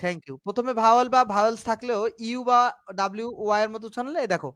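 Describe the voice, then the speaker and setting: A male English teacher giving an online class lecture. He explains slowly, mixes English grammar terms into his talk and keeps asking his students whether they follow. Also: very high-pitched, fairly even intonation, a bit bright, clean tone, no room sound, studio quality. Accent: Bangladeshi Bengali.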